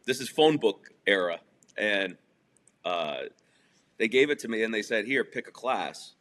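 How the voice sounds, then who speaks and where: His voice is on the low side, expressive, unhurried and fairly bright. A podcast guest from New Jersey who grew up speaking Spanish, he shares his life story casually, filling it with fillers and laughing at his own jokes.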